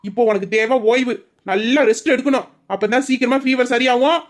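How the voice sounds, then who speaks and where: A brisk female doctor, played by a woman who gives quick, firm instructions in a high voice. She scolds with care in a homemade audio drama. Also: natural voice. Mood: instructing.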